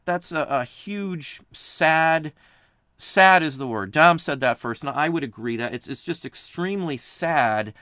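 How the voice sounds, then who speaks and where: A man's voice: mid-range voice, pushed and bright, dry recording. A man hosting a reseller channel, talking casually on a livestream in a rambling way, often repeating himself. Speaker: channel host.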